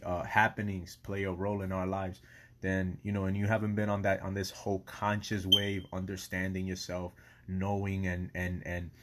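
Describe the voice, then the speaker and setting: A man in a casual, rambling late-night chat as a host, slangy and sweary, repeating himself as he searches for words. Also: low-pitched. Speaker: host sharing and reacting to a video.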